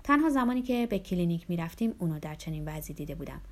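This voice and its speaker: Woman narrating a novel, lowish voice. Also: expressive. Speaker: audiobook narrator.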